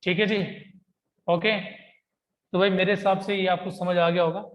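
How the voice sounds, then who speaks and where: Young male math tutor, high voice, chatty classroom delivery, roomy echo. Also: level tone, normal speed. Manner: chatty, repeats "ठीक है जी" and "भाई". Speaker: math teacher. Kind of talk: classroom-style math lesson. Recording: echoey room.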